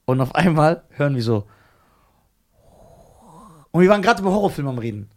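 Fast-talking man telling stories animatedly. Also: a little high. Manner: animated storyteller acting out scenes. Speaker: podcast co-host. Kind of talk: casual chat.

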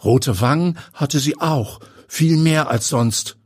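A shaken middle-aged man, voiced by a male audiobook reader, who speaks in halting, subdued phrases. The voice carries a husky grain and sits only slightly above the reader's own. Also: fairly high pitch, no echo, clean studio sound, pitched above the performer's own voice.

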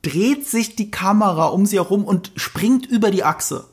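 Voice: medium pitch, expressive, normal speed, a little mellow. A podcast co-host with a film background, explaining camera choices in casual chat and teasing with quiz questions. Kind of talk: casual chat about a TV series.

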